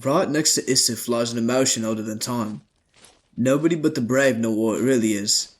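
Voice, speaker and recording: A man's voice: mid-range voice, normal speed, close to an everyday voice. A man voicing a crude soldier who earnestly believes in an ancient spirit. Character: male soldier, devout believer, crude and harsh.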